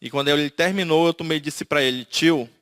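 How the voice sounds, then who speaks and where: A brisk, fairly high male voice with a bright, clear, resonant tone. He's from Manaus and speaks with a Brazilian Portuguese accent, telling an emotional personal testimony as a story and acting out the quoted dialogue.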